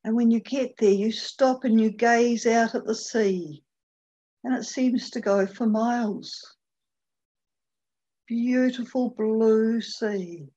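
Woman, meditation guide, fairly high voice, unhurried gentle delivery, muffled lo-fi sound. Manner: gentle, unhurried guiding with long pauses.

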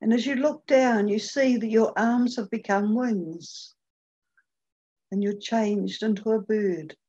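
A woman leading a guided meditation, speaking gently and unhurriedly with long pauses. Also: on the high side, slightly rough, muffled recording.

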